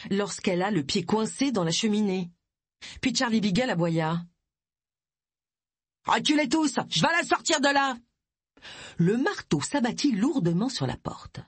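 Brief: female audiobook narrator, husky tone, lively pitch, dry close sound. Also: dry recording. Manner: expressive, varied storytelling. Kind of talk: scripted novel narration.

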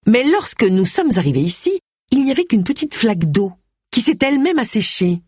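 A narrator voicing a sharp-tongued middle-aged woman amateur detective, sarcastic and cool, with a husky voice. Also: medium pitch, sing-song, fairly quick, dry recording, clean studio sound, voice pushed up. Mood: dry, sardonic.

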